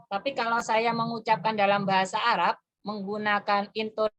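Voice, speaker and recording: A woman's voice: medium pitch, little pitch movement, brisk, fairly bright tone, muffled recording, faint music behind. A woman presenting an online lesson, explaining step by step as she demonstrates an app on her phone. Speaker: webinar presenter.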